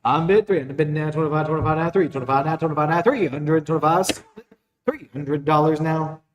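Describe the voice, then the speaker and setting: A man's voice: on the high side, moderate pace, muffled recording. A man working as an auctioneer, calling bids in a repetitive, rhythmic auction chant. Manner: repetitive rhythmic bid calling between plainly announced lots. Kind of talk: rapid auctioneer chant with repeated bid calls. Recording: roomy echo, distant from the mic.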